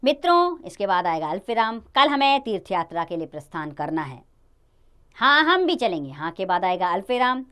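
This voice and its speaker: A woman teaching a grammar lesson to children, lively, stressing key words and dropping low at the ends of sentences. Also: fairly quick, few pauses, clean tone.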